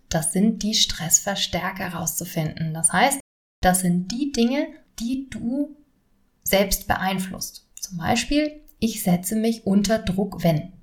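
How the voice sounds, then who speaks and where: A woman, hosting a solo podcast on stress and talking straight to the listener in a friendly way. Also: on the low side. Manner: friendly, addresses listener directly. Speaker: podcast host and stress coach. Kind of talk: solo podcast talk with exercises.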